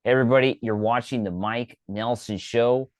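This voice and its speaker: A man's voice: mid-range voice, fairly even intonation, normal speed, dry recording. A man hosting an interview show, chatting casually with fillers as he welcomes viewers and asks questions. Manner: chatty, friendly openers with fillers. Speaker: host.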